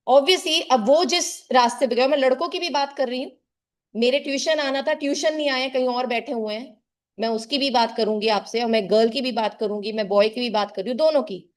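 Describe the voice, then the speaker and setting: A woman's voice: on the high side, fairly quick. A middle-aged woman tutor giving an earnest motivational talk to her class and calling her students "child.". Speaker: tuition teacher.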